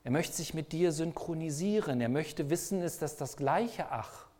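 A man's voice: on the high side, animated, normal speed, darkish tone. A man preaching a sermon, speaking emphatically and asking the listeners repeated rhetorical questions.

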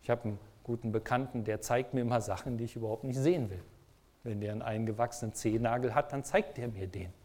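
A man's voice: mid-range voice, fast talker, darkish tone. A man preaching a sermon, speaking emphatically and asking the listeners repeated rhetorical questions.

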